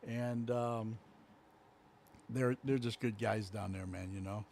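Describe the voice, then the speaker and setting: A man's voice: lowish voice, steady tone, takes it slowly, vocal fry, a little mellow, slight background noise. A middle-aged man, co-hosting a casual local talk show in a rambling, easygoing way with many fillers. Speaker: co-host. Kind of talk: casual chat.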